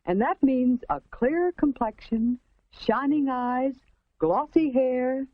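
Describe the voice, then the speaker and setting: A woman's voice: high-pitched, slow pace, no room sound, highs cut off. An American woman reading a scripted 1950s instructional film narration in a prim, instructive, carefully enunciated way, on a vintage soundtrack.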